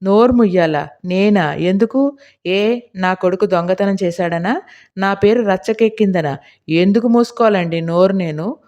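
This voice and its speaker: A woman reading an audiobook voices a scolding middle-aged village housewife with a shrill, indignant, nagging delivery. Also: normal speed, a little mellow, natural voice.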